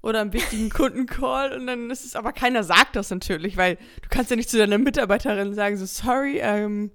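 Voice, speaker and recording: A woman's voice: on the high side, fast talker, a bit bright. A young woman co-hosting a podcast, talking casually, laughing between thoughts and hedging with fillers. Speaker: podcast co-host.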